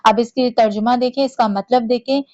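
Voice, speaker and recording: A woman's voice: a little high, fairly even intonation, darkish tone, dry recording, muffled recording. Woman patiently teaching Quran recitation. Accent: Pakistani Urdu. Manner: slow, measured recitation alternating with patient instruction.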